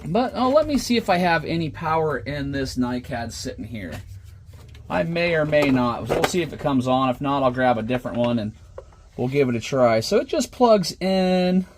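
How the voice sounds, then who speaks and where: Thinking aloud at his workbench, this hobbyist shows off his project in a casual, unscripted way, captured on a smartphone camera. He speaks at a moderate pace with a fairly high pitch and big pitch swings, over a little hiss or hum.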